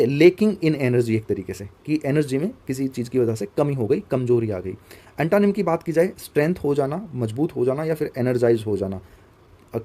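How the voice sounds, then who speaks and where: A young man leads a vocabulary lesson for exam students. His voice is mellow and dark in tone. He talks casually, pausing to spell words out letter by letter and asking viewers to comment. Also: mid-range voice. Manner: conversational, asks viewers to comment. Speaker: teacher.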